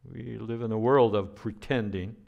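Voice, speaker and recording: An older man preaching a sermon as a pastor, speaking in a slow, deliberate way, with playful sound effects now and then. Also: fairly low pitch, fairly even intonation, vocal fry, highs cut off.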